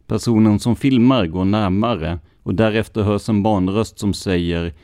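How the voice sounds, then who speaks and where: A man hosting a true crime podcast, reading police records in a measured, scripted narration. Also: lowish voice, a little mellow, no echo, studio quality. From Sweden.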